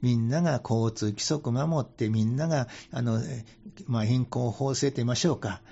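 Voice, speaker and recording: Folksy Kansai priest, husky and muffled. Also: male voice, mid-range voice, normal speed, mellow. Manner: folksy, chuckling, slips into Kansai dialect for emphasis. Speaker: Buddhist temple head priest, radio guest. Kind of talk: relaxed radio talk on Buddhist teaching.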